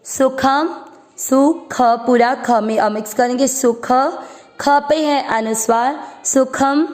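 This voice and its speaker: A woman teaching the pronunciation of a Sanskrit verse syllable by syllable, patiently drawing out the sounds when she chants. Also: fairly high pitch. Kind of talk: slow syllable-by-syllable pronunciation lesson.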